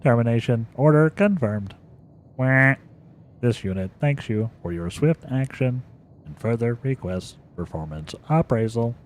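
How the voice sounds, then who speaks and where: A man's voice: mid-range voice, expressive, a little slow, darkish tone, close to an everyday voice. A man doing a robot voice for a formal robot unit, reading its lines in clipped machine phrasing. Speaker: gamer reading in-game robot lines aloud. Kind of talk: playful voicing of game dialogue.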